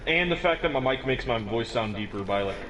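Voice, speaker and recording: Over the sound of a crowd, a teenage boy with a medium-pitched voice talks briskly and animatedly about a game build. The chat is casual and rambling, full of restarts and little laughs at his own remarks.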